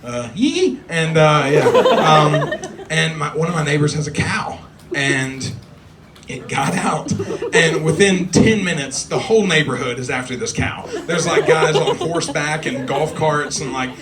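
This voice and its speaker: A man's voice: a little high, animated, unhurried. A young man doing a self-deprecating stand-up set on a small club stage, acting out voices. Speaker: stand-up comedian. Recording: distant mic, loud crowd laughter.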